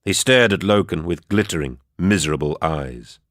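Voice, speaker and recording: A man reading a story aloud in a steady, measured way for a book club. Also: low voice, no echo, studio quality. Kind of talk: audiobook-style narration.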